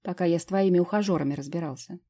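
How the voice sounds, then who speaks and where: A gruff, commanding young man who snaps short orders and shows his jealousy, read by a woman narrator. The voice sits low and husky. Each line comes out curt and clipped. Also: rapid-fire, dark tone.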